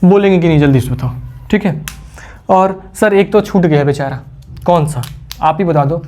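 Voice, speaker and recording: A man teaches physics in a classroom lecture with a fairly high, mellow voice at normal speed. Sprinkling English terms into his talk, he teases pretend students, drills key terms and puts questions to the class.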